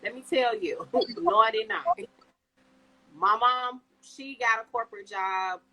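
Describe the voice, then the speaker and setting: A woman from Chicago co-hosting a podcast in casual chat, animated and slangy, laughing often. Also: fairly high pitch, measured pace, poor audio. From Chicago, USA. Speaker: podcast co-host.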